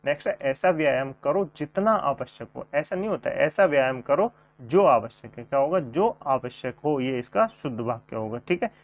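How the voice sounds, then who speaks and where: A man runs an online grammar coaching class, asking his viewers questions and repeating the answers. His medium-pitched voice is expressive and moves at a normal speed. The sound is dull and lo-fi.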